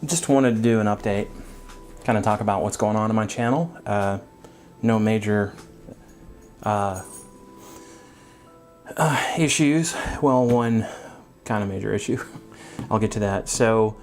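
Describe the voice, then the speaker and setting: A man giving a casual update on his scale model hobby channel, talking in a relaxed, rambling way with lots of ums and uhs from his workbench. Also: on the low side, measured pace, long pauses, faint music behind.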